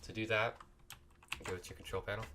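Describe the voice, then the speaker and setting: Guy with a sick voice, pretty low, casual home-desk coding walkthrough, says sorry a lot. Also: level tone, a little fast, noisy background. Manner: loose and apologetic, talks while clicking through steps. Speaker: tutorial host. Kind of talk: casual screen-recorded coding tutorial.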